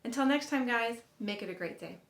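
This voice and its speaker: With soft music in the background and an echoey room, a woman in her fifties teaches sign language, counting aloud as she demonstrates. Her slightly high, expressive voice moves fairly quickly, upbeat and encouraging, and she laughs at her own slips.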